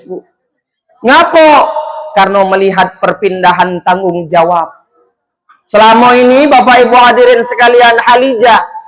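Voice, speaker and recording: A man with a high, slightly bright voice preaches a humorous wedding sermon, joking and chatting as he speaks straight to the couple. The recording is rough.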